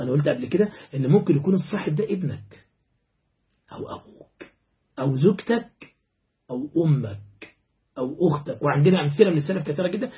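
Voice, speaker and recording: A man with an Egyptian Arabic accent preaching a sermon, impassioned and rising to fervent exclamations, chanting verses slowly. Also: fairly high pitch, dull audio.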